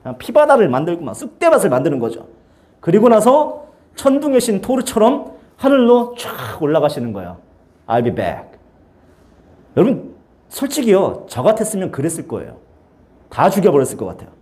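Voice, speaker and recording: 활기찬 목소리의 남자 청소년부 목사. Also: male voice, sits high, brisk. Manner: animated storytelling with sound effects and acted-out quotes. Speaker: youth pastor. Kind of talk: lively youth sermon. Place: church.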